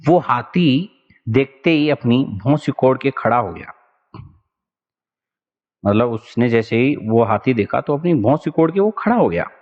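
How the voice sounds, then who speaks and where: A man teaching an exam-prep lesson, telling an anecdote in a chatty, animated way. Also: mid-range voice, a little slow, long pauses, in a large hall, lo-fi sound. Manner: animated, chatty, laughs often.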